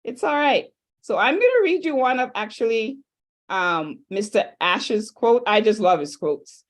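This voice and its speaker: A woman from Trinidad and Tobago, hosting an online panel in a chatty, upbeat way with lively asides. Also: a little high, a little slow. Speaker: host.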